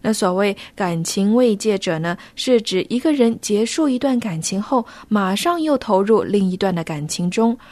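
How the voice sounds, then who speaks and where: Measured female radio co-host, dry studio. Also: mid-range voice, expressive, darkish tone, no echo.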